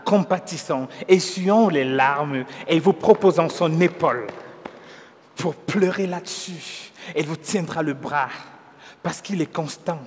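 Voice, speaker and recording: High pitched guy preaching slow and earnest, lots of restarts, big echoey church hall. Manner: measured, with frequent restarts and stumbles; earnest and gently persuasive. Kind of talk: sermon.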